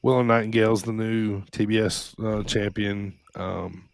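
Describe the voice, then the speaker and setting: A man's voice: on the low side, steady tone, a little slow, creaky, slight background noise. A man co-hosting a podcast, talking casually in a rambling way with lots of "you know" and swearing. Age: adult. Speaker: podcast co-host. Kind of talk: casual chat.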